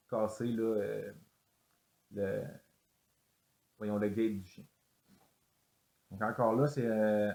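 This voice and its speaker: A man's voice: lowish voice, a little mellow, reverberant. A man explaining a sled dog exercise, hesitant with many fillers and restarts. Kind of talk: instructional explanation.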